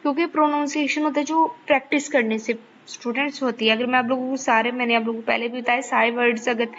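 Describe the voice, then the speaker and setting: A woman teaches her class in a fairly high voice. She walks patiently through each point and keeps pausing to make sure the students follow. The recording is muffled and lo-fi, with a faint hiss behind it. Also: fairly even intonation, fairly bright tone. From Pakistan. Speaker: online course teacher. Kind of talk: explanatory lecture to students.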